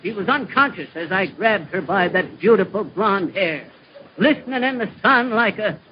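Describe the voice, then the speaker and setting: A bragging, folksy teller of tall tales, who rambles and trips over his words in a fairly high voice. The sound is a scratchy, noisy 1930s radio broadcast with dull, muffled highs. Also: animated, normal speed. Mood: boastful. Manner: folksy rambling yarn-spinner, slips of the tongue. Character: boastful middle-aged man spinning tall tales. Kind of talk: 1930s radio comedy acting.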